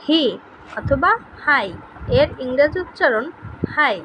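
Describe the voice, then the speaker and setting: A woman teaching a pronunciation lesson, reading out letter pairs and example words one by one in a slow, deliberate way. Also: high voice, expressive, background noise.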